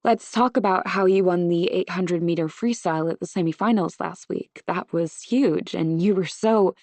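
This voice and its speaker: A confident, kind young man on a college swim team, voiced by a woman narrator. He speaks with easy charm, in a low, slightly gravelly register. The recording is dry and close. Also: moderate pace, a little mellow, no room sound. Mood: friendly. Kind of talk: audiobook dialogue.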